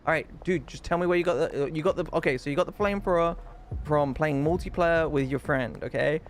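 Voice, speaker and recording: A man's voice: fairly high pitch, fast, a little hiss or hum. A male streamer chatting casually on a live stream. He talks bluntly and swears when annoyed.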